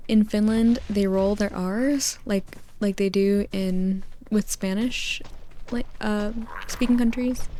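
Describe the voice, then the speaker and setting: A young woman gently rambling in a soft-spoken ASMR style over gameplay, with whispered asides, close to the microphone. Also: mid-range voice, a little hiss or hum. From United States. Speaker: gaming channel host. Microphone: close microphone, spoken softly.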